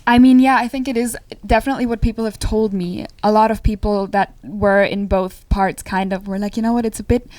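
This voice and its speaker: A woman's voice: mid-range voice, fairly even intonation, brisk, hardly any pauses, darkish tone, dry recording. A young adult woman from Austria, an actress and filmmaker, chatting upbeat and easily in a casual interview.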